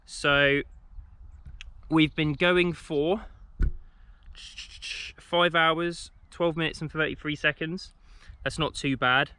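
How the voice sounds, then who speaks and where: Out on a country walk, a young man from England rambles to a handheld camera with many ums and restarts. He talks slowly with long pauses, his voice on the high side, steady, bright, forceful, and smooth.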